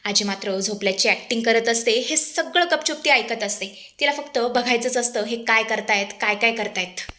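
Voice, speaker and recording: Brief: woman narrator for a soap-opera recap, high-pitched, expressive, talks to viewers. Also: normal speed. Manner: expressive, addresses the audience. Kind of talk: dramatic TV serial recap.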